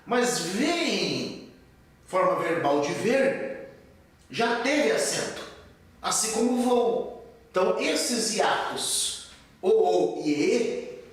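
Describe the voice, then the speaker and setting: Older teacher in an echoey room. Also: male voice, sits high, sing-song, drawn-out words, pauses often, distant mic. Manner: explanatory, asks and answers his own questions. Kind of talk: recorded Portuguese grammar lesson.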